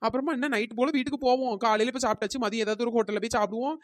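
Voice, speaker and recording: Rapid-fire cheeky village girl, woman doing the voice, a bit high, dry cartoon audio. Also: steady tone, dry recording, lightly acted. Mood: arguing. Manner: rapid, argumentative, talks back. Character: chatty young village woman, cheeky and eager. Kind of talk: cartoon dialogue.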